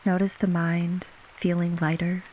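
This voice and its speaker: Slow, soothing woman narrating a sleep story. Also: on the low side, slight background noise, low-quality recording. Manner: gentle, unhurried, with long pauses between short phrases. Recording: steady rain ambience behind voice. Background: rain falling.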